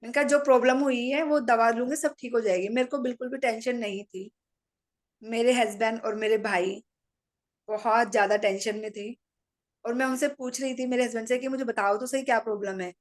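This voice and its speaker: A middle-aged woman with a slightly high voice gives a personal testimony to an audience. She stays calm and matter-of-fact, slipping into her own remembered lines of dialogue as she goes. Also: fairly quick. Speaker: meditation practitioner sharing her story.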